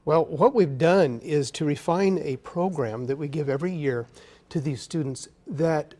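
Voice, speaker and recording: An orchestra conductor, appearing as a guest on a live TV interview in a studio, explains things with enthusiasm. His voice is on the high side and a little mellow, and he speaks at a measured pace.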